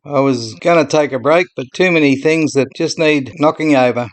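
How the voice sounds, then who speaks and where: A man's voice: fairly high pitch, normal speed. A man with an Australian accent hosting a casual commentary video in a laid-back, plain-spoken way.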